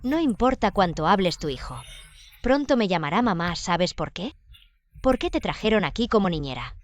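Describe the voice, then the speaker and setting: A woman's voice: medium pitch, sing-song, normal speed, lightly acted. An actress dubbing a proud, wounded young woman in a melodrama. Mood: scornful, heated. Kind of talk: dubbed melodrama acting.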